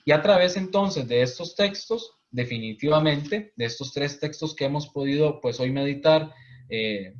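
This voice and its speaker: A man's voice: a little high, moderate pace. A man from Costa Rica, a priest teaching a Bible course, explaining patiently and often checking in with his listeners. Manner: patient, repeats points, frequent tag questions. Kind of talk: explanatory lecture. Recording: dull lo-fi audio.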